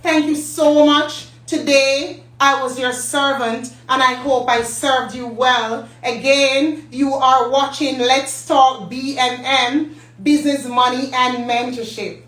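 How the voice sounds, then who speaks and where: A Jamaican woman, the host and CEO of her company, runs a casual live-stream giveaway, teasing her viewers and laughing often. Her voice is high and a bit bright, with a steady tone and a slow pace. The room is echoey and the mic sits at a distance.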